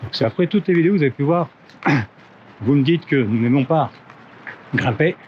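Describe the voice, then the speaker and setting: Man from France, travel vlogger, loose rambling delivery with fillers, handheld camera outdoors, loud street ambience. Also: a little high, animated, normal speed. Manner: chatty, thinks aloud with many fillers and restarts. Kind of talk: casual travel vlog narration. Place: outdoors in town streets and on a bridge. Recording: muffled with loud outdoor noise. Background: outdoor ambience and wind.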